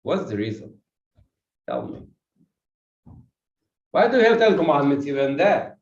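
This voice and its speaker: Heard from afar in a dull, reverberant church hall, a guest pastor from Ukraine preaches with a Ukrainian accent, pacing about and questioning the congregation. His high-leaning, darkish voice is very animated yet a little slow.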